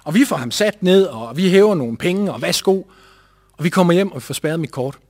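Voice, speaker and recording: Male live storyteller, husky, animated retelling with quoted voices. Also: high voice.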